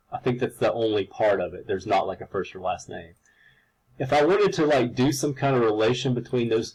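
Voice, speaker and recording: A man's voice: medium pitch, a little mellow, rough recording. A man teaching computer science in a recorded screen-share lecture, talking casually with lots of fillers and restarts.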